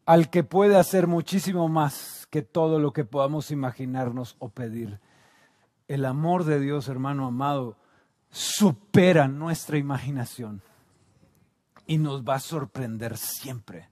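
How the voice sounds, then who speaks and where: A man with a Guatemalan Spanish accent preaching a sermon, moving from quiet reflection to loud shouted climaxes. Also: mid-range voice, measured pace, dry recording, studio quality.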